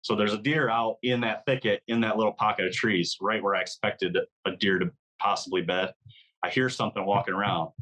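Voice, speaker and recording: A man's voice: fairly low pitch, steady tone, fairly quick, bright, forceful tone, poor audio. A man from Michigan, a podcast guest, telling a hunting story in a casual, vivid way, full of "like"s and mimicked deer calls.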